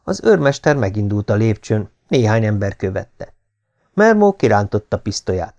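A man giving a measured, scripted audiobook narration. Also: fairly low pitch, big pitch swings, a little mellow.

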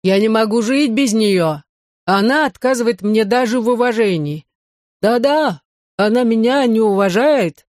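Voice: mid-range voice, takes it slowly, no echo, studio quality. A reader voicing a drunk, lovesick French nobleman in an audiobook, lamenting in plaintive exclamations.

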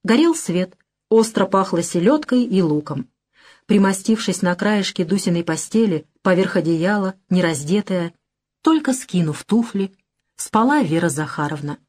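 A woman narrating a novel in a steady, measured audiobook reading. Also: mid-range voice. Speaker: audiobook reader. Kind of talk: literary narration.

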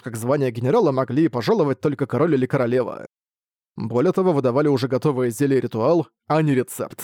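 A man narrating a fantasy audiobook in a steady, even reading voice. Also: medium pitch, no room sound, clean studio sound.

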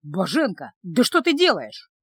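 A woman voicing an angry young village man who talks in a low, hissing, bitter voice. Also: huge pitch swings, measured pace, breathy edge, dry recording, studio quality, exaggerated voice. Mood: pleading, weary.

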